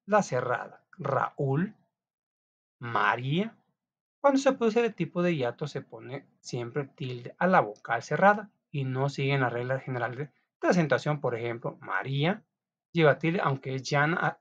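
A man's voice: medium pitch, animated, normal speed. A man teaching a class, reading out notes in a chatty way with frequent restarts and small asides. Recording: dull lo-fi recording.

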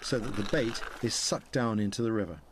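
Middle-aged english guy, calm and explaining, out in a snowy forest, faint outdoor hiss behind him. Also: fairly low pitch, fairly quick. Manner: calm, explanatory, enthusiastic about nature. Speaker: wilderness presenter. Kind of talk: documentary narration and outdoor explanation.

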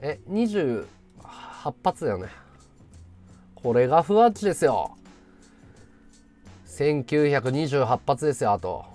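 A man in his thirties hosting a casual livestream, thanking viewers in excitable, loud bursts. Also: mid-range voice, takes it slowly, long pauses, faint music behind. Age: 30s. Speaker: livestream host.

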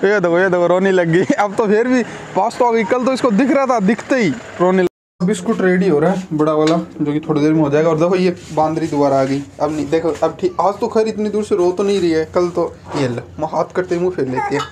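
Young man, from Rajasthan, casual vlog, chatty, phone camera, slightly high voice. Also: a little fast, a little mellow, a little hiss or hum. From Rajasthan, India. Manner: chatty and rambling, addresses viewers as guys. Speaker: vlogger. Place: home courtyard, then a clothing shop. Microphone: phone camera, no earphone mic.

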